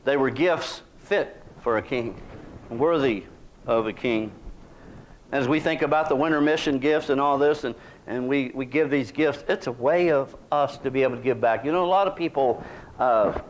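Middle-aged preacher, mid-pitched, folksy and conversational, small sanctuary, faint background hiss. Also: male voice, normal speed. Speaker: pastor. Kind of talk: sermon. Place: small church sanctuary, indoors.

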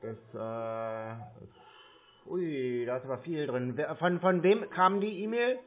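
A man's voice: mid-range voice, animated, takes it slowly. A man stringing along a scam caller on the phone, playing dumb, stalling and teasing. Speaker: scam-baiting call recipient. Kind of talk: prank phone call. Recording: tinny phone line.

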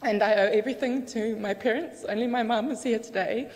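Woman in her 20s, teary, gracious acceptance speech, fairly high voice, hall echo. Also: steady tone, a little fast. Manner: warm, gracious, humbled. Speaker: award recipient. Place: large hall on stage. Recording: long hall reverb.

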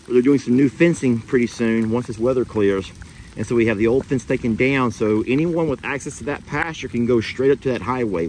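A man's voice: medium pitch, a little mellow, slight background noise, low-quality recording. A man, chatting casually to viewers as he vlogs his ranch chores outdoors, recorded on a handheld phone. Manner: chatty, talks straight to viewers. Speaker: ranch vlogger. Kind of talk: casual vlog narration. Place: outdoors on a rainy ranch and in a vehicle.

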